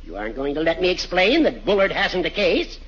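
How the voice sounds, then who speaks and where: A needling, wordy old judge in 1940s radio comedy style. The voice is high and husky, with fussy legal phrasing and big swings in pitch. The recording sounds muffled. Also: male voice, sing-song, a little fast, a bit bright, exaggerated voice.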